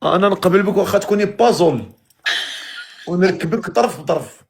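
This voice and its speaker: A man with a Moroccan accent hosting a live matchmaking stream, teasing and calling out to viewers in brisk casual chat. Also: high voice, expressive, vocal fry, slight background noise. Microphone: live video stream.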